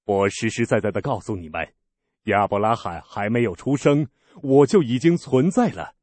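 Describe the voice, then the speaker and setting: A man voicing a calm, authoritative male teacher, speaking in an earnest, firm, solemn way. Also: fairly low pitch, moderate pace, no echo.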